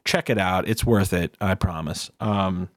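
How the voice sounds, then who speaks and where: A man with a fairly low voice chats as a solo podcast host, earnest and conversational. The sound is dry and close, with little room around him. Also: unhurried, dry recording. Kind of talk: casual solo podcast chat.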